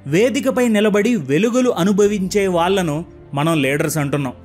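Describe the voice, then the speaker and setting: Earnest young guy, highish voice, calm reflective narration, asks lots of questions. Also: brisk, faint music behind. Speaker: book summary narrator. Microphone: close microphone.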